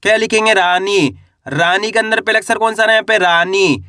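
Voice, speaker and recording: Guy sounding out words slow, high voice, dry close mic. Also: fairly even intonation, sharp tone, dry recording. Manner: slow, sounding out syllables and asking questions. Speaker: teacher. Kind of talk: Hindi reading and writing lesson.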